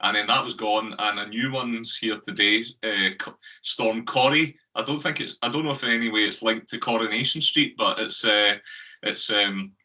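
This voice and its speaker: A man's voice: fairly low pitch, moderate pace, bright, forceful tone, far from the mic. A man with a Scottish accent, chatting casually as a guest on a remote call, laughing often and filling gaps with ums. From Scotland. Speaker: guest, lead singer. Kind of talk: casual interview chat.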